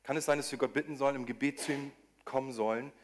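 A man's voice: medium pitch, steady tone, quick pace. A man preaching a sermon, talking animatedly, often stumbling into restarts, acting out quoted voices and cries with rising emphasis.

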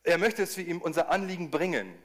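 A man delivers a sermon in a lively, conversational way, restarting phrases as he goes. He acts out quoted cries by pitching his voice up high and pressing hard on them. His voice sits a little above the usual range for a man. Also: fast. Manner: animated, rising to emphatic high lines for quoted cries, with restarts. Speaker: preacher.

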